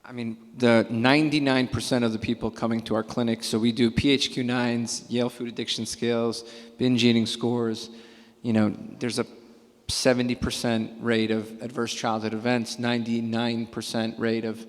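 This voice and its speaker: Flat-voiced man listing clinic figures. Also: mid-range voice, moderate pace. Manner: matter-of-fact, listing figures. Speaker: panelist physician. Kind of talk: panel discussion. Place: large conference hall. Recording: reverberant hall.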